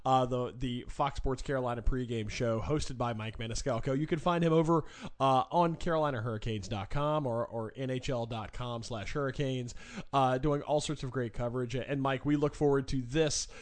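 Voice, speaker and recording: Male sports talk host with a mid-pitched voice, playful and rambling with questions. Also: normal speed. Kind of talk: sports talk show hosting.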